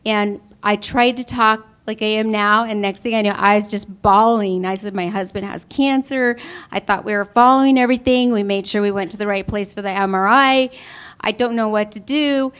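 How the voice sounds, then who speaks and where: A woman's voice: medium pitch, steady tone, moderate pace, a bit bright, clean tone. Earnest woman giving a testimonial. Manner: earnest, tearful at times. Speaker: insurance member giving a testimonial. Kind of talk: emotional personal testimonial. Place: before a live audience.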